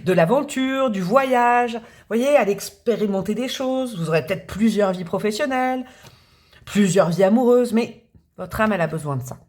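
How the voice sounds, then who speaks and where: A woman's voice: mid-range voice, expressive, normal speed, a little mellow. A woman doing a tarot reading for the viewer, chatty and thinking aloud, with restarts and little hummed sounds. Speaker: tarot reader.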